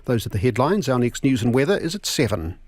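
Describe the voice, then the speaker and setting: A man's voice: medium pitch, sing-song, quick pace, darkish tone, no room sound, faint music behind. Man newsreader, dry. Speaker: radio newsreader and presenter. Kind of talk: radio news presenting.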